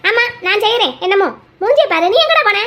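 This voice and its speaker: A woman voicing a bossy, sharp-tongued young daughter-in-law who scolds briskly. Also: extremely high pitch, big pitch swings, exaggerated voice. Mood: scolding.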